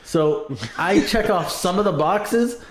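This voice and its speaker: A man's voice: high voice, takes it slowly, roomy sound, slight background noise. A man co-hosting a podcast, joking crudely in casual chat. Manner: crude, joking, loud outbursts. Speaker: podcast co-host.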